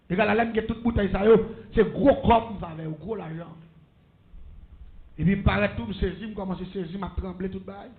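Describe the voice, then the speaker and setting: Haitian male preacher, high gravelly voice, muffled lo-fi recording. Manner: storytelling preacher with call-and-response blessings. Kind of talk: sermon testimony.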